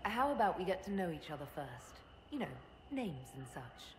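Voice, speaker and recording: Low, composed elf heroine. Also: female voice, big pitch swings, in a large hall, a little hiss or hum. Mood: composed, probing. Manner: measured, direct, dry. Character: composed elf woman leader, measured and wry. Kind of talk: video game character acting.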